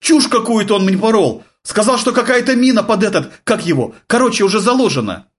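A man doing a shrill, flustered army sergeant. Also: very animated, fairly quick. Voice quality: shrill, blurting, agitated. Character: flustered young male army sergeant, excitable. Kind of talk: audiobook character voice.

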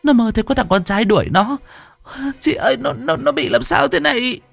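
A man's voice: extremely high pitch, drawn-out words, a bit bright, no echo, faint music behind, pitched above the performer's own voice, exaggerated voice. A man voicing a terrified young woman lodger who stammers in panic. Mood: panicked.

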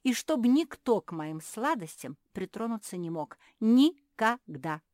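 A woman voicing an excitable female pug who wants sweets, squealing eagerly and drawing out her words. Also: a little high, measured pace, no echo, studio quality, pitched above the performer's own voice. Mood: excited greedy.

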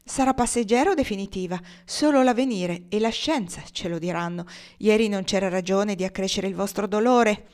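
A composed, somewhat pompous older male lawyer holds court in measured, formal sentences, as a woman reads him aloud. His speech is unhurried and deliberate. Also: medium pitch, a little mellow, natural voice. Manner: measured, formal storytelling delivery.

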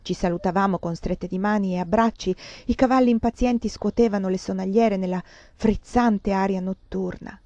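A woman reading a literary novel aloud in an expressive, dramatic manner, with a dull, muffled sound. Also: medium pitch, normal speed, hardly any pauses, no room sound. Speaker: reader.

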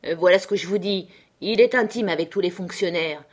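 A woman's voice: fairly low pitch, fairly quick, natural voice. A woman reading aloud, voicing a chatty, knowing man who passes on gossip. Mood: confiding. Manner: confiding and chatty.

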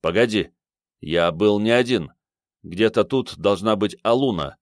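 A worn-out young hero who answers short and dry, with a low, plain voice, as the audiobook's male reader gives him his lines. The sound is close and dry, with no room around it. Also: measured pace, no echo, lightly acted. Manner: terse, dryly calm.

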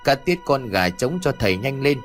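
Audio story: a man playing a loud, scolding old village exorcist with a lively voice. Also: mid-range voice, moderate pace, faint music behind, lightly acted. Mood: bossy scolding. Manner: barking orders, scolding.

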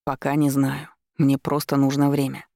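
Woman reading a calm pleading husband, quiet and low, gravelly edge, dry close sound. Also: moderate pace, no echo.

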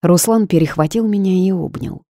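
A woman reading a romance story aloud, narrating and voicing every character with expressive shifts. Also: normal speed, no room sound, clean studio sound. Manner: expressive, jumps higher and louder for the heroine. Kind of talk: audiobook narration acting all roles.

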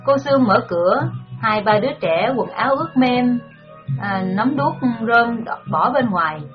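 A woman's voice: on the high side, animated, moderate pace. Brief: woman storyteller, hesitant reading with fillers, muffled recording, music underneath. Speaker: narrator.

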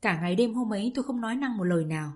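A woman narrating a novel aloud in the first person, with an emotional, expressive delivery. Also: mid-range voice, rapid-fire, breathy edge. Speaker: audiobook narrator. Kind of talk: dramatic reading of a novel.

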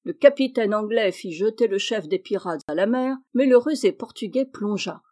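Mellow-voiced woman reading a novel. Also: medium pitch, normal speed. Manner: expressive, lifts her voice for characters. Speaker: audiobook reader. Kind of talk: storybook narration.

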